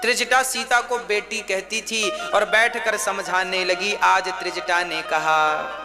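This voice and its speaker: A male preacher with a very high voice telling a devotional story in slow, drawn-out phrases. He asks the listeners rhetorical questions, with instrumental music playing behind him. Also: little pitch movement.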